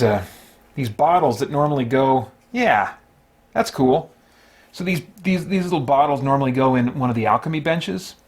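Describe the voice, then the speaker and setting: A man whose voice sits slightly above average in pitch hosts a solo tabletop game. Unscripted and casual, he narrates his own play to himself and the viewer, thinking aloud haltingly.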